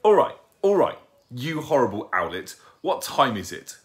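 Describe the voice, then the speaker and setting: A man's voice: sits low, animated, normal speed, fairly bright tone. A man puts on a grumpy storybook father owl who only wants his sleep. He is exasperated and blustering, with a widely swinging delivery.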